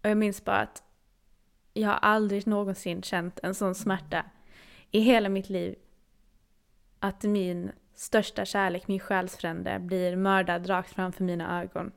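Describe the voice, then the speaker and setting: A woman recounting a personal experience with quiet earnestness, her voice sitting at an ordinary middle pitch. A gravelly fry runs through her speech. At tense moments she sinks almost to a whisper. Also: level tone. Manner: earnest, intimate, dropping to near-whispers at intense moments. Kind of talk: personal storytelling.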